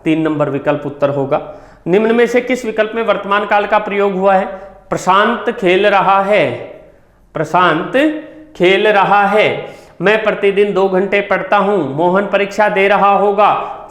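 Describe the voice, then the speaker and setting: A man's voice: high voice, normal speed, a bit bright. A male teacher reading out exam options and asking which answer is right. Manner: reads out options, then asks what the answer is. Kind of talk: exam solution lesson. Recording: echoey room.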